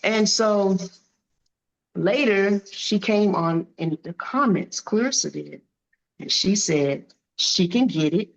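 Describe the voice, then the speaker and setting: A woman in her fifties, a boxer being interviewed, telling stories in a lively, animated way and acting out what people said. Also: medium pitch, slow, gravelly, muffled recording. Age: 50s. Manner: animated, acts out quoted dialogue. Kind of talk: casual interview storytelling.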